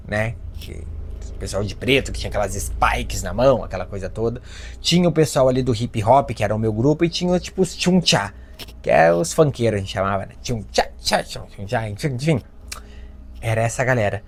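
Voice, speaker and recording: A Brazilian man giving a self-help talk, animated, acting out parents and children in his stories. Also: mid-range voice. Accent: Brazilian Portuguese. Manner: lively storyteller, acts out voices of children and parents. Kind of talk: lecture with acted anecdotes.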